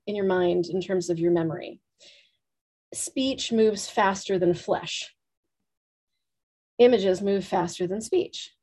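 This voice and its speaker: A woman leading a workshop, talking quickly and asking the room questions. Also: medium pitch, darkish tone. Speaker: workshop teacher. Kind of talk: teaching a live group.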